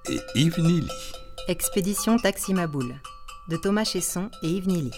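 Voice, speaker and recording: A woman's voice: on the low side, animated, moderate pace, natural voice. A woman announcing titles in the manner of an old radio serial announcer. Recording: music laid over the voice. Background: music.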